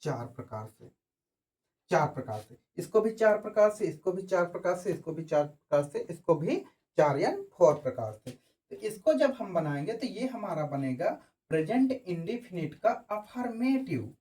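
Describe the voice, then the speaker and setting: A woman teaching an English grammar lesson to children, asking questions and answering them herself with slow, repetitive drilling. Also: fairly low pitch, very animated, dark tone.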